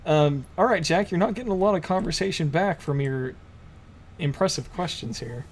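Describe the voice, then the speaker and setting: A man serving as game master, narrating a tabletop game casually in a halting, improvised way. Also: on the high side, lively intonation, slight background noise.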